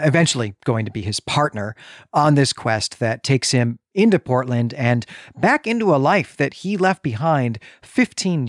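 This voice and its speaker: His mid-range voice comes through in studio quality with no echo. As a podcast co-host, he chats about a film and recaps the story, sounding earnest, emphatic, and conversational.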